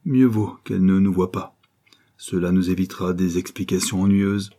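A man's voice: sits low, flat delivery, moderate pace, dark tone. A man reading an audiobook, voicing a scheming, ruthless adventuress who speaks in a biting, commanding way.

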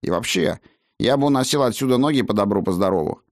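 A man's voice: on the low side, lively intonation, fast talker, no echo, studio quality, lightly acted. A man voicing a wary, grumbling halfling man who speaks bluntly in an audiobook.

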